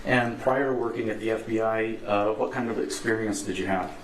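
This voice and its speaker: Low-voiced male prosecutor in courtroom recording. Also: normal speed. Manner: formal, polite questioning. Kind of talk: courtroom questioning. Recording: roomy courtroom sound with steady noise.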